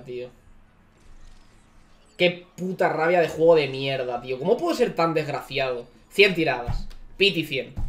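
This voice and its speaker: A gaming streamer with a Spain Spanish accent reacts to gacha summons, ranting and swearing over and over. His voice is medium in pitch with a fairly bright tone.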